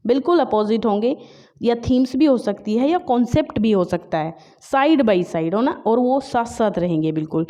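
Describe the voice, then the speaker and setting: A woman teaching English literature for exam prep, explaining in Hindi mixed with English, often checking in with "है ना?" and reading English examples slowly. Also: fairly high pitch, expressive, warm tone. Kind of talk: online exam-prep class. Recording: dull lo-fi recording.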